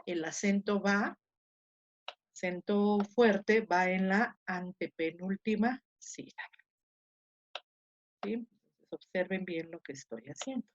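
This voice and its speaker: A woman teaching a Latin class online, slowly sounding out words syllable by syllable and correcting her own marks aloud. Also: medium pitch, a little mellow, dull audio. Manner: corrects herself aloud while marking slides.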